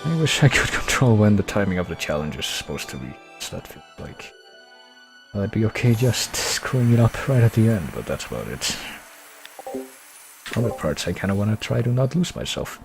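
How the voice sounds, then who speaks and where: A man's voice: lowish voice, very animated, normal speed, creaky. A man streaming live, chatting casually between karaoke songs in mumbling, self-deprecating asides over faint music.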